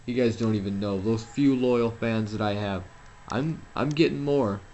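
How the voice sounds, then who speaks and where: Speaking at normal speed in a mellow, lowish voice, a young gameplay commentator talks through a wrestling video game from home. The audio has its highs cut off and some faint background noise. He rambles casually on his own, mocks himself, and keeps using fillers and starting over.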